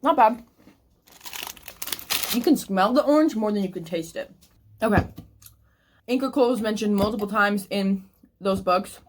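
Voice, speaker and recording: A woman's voice: mid-range voice, normal speed, long pauses, a little hiss or hum. A woman book vlogger chatting casually to camera and thinking aloud with restarts, eating snacks between sentences. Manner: eating snacks while talking.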